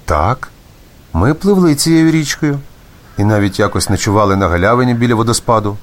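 A man's voice: lowish voice, expressive, fairly quick, lightly acted. A man voicing a wary older male traveller in a storybook reading, speaking in a slightly raised, careful way. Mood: cautious.

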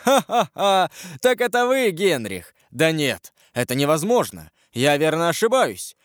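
Man doing a bold, mocking young king in a storybook reading; lively swings in pitch, dry close sound. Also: a little slow, no echo. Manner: teasing, imperious, lively.

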